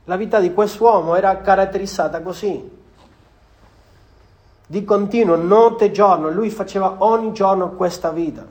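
A man's voice: high voice, normal speed, darkish tone. A man preaching a sermon to a congregation in an earnest manner, often repeating phrases for emphasis.

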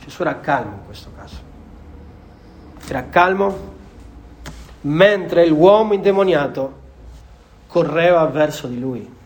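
A man's voice: fairly high pitch, expressive, unhurried, long pauses, darkish tone. A man preaching a sermon to a congregation in an earnest manner, often repeating phrases for emphasis.

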